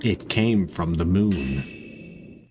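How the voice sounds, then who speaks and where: Congested male streamer, low voice, swears and jokes through casual play-by-play. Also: animated, extremely slow, music in the background. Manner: profane, joking banter. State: congested nose. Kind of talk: casual gameplay commentary.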